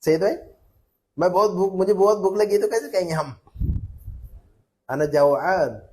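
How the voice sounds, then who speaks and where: A man's voice: sits high, moderate pace, warm tone. A male Arabic teacher running a spoken drill, patiently repeating phrases and prompting students by name. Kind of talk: classroom language drill.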